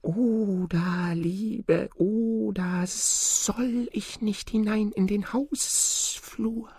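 A man reading a fairy tale, voicing an enchanted snake that pleads in a slow, drawn-out, high voice. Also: fairly even intonation, darkish tone, breathy edge, no echo, studio quality, exaggerated voice. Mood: pleading. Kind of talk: storybook reading.

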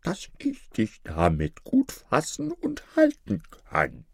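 A man voicing a cunning, mocking wolf in a fairy-tale reading, slipping into hushed whispers. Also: a little high, wildly swooping pitch, slow pace, vocal fry, breathy edge, no room sound, clean studio sound, voice pushed up, full character voice. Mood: menacing. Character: sly cunning big bad wolf, male.

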